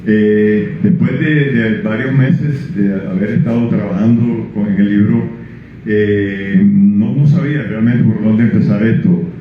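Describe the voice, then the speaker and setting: An older man from Colombia presents his book, first reading the prologue and then taking questions. His voice is on the low side, and speaking freely he stumbles with fillers and restarts. The echoey room comes through a tinny lo-fi line with a little hiss or hum.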